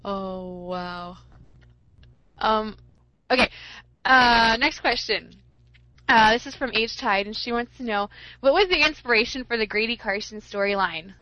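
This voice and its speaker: A woman's voice: fairly high pitch, unhurried, pauses often, sharp tone, dry recording, poor audio. A woman hosting a casual podcast, reading listener questions aloud in an upbeat way.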